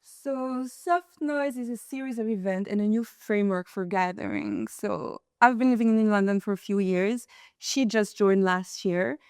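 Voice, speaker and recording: A woman's voice: medium pitch, normal speed, a little mellow, clear, resonant tone, dry recording, clean studio sound. A woman in her twenties from Morocco, chatting casually as a guest, laughing often and filling with "like". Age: 20s. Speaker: guest, event co-founder. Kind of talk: casual chat.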